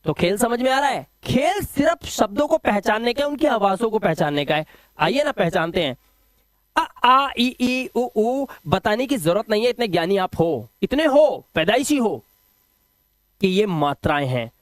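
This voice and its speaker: A man explains a lesson in a high, animated voice and keeps asking his viewers questions before he answers them himself. The sound is dry and close, with no room around it. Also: moderate pace, dry recording. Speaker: English teacher. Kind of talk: classroom-style video lesson.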